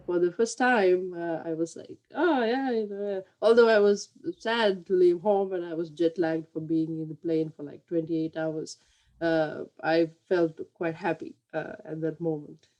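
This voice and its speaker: Low mellow woman from Sri Lanka. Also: fairly even intonation, a little slow. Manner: hesitant, many "uh"s, amused. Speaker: participant sharing a story. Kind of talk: casual personal anecdote.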